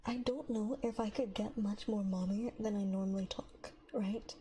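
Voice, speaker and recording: A woman hosting a soft-spoken livestream from her apartment on a binaural mic, talking smoothly and quietly, often in a whisper, and chatting in a rambling way. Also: medium pitch, fairly even intonation, moderate pace, a little hiss or hum, rough recording. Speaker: ASMR livestream host. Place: home apartment. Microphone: binaural dummy-head mic.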